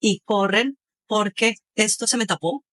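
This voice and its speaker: A woman's voice: mid-range voice, measured pace, a bit bright, no room sound. A young woman, a podcast guest telling her own hard experiences with feeling, acting out what others said. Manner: emotional, retells events with quoted speech and sounds. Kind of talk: personal testimony in a podcast interview.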